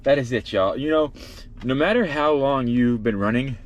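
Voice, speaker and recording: A man's voice: medium pitch, normal speed. A man talking casually and informally in a personal vlog. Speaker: vlogger. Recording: faint background noise.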